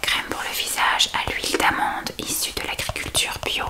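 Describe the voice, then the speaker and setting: A woman whispers an ASMR product review very close, right in the listener's ear. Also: moderate pace. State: ill with a cough. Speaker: beauty product review video creator.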